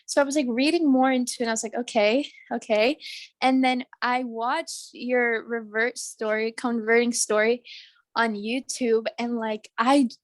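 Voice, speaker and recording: A young woman student sharing her personal story on a video call, halting, full of fillers, and emotional. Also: a little high, steady tone, no echo. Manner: halting, heavy on fillers, tearful at moments.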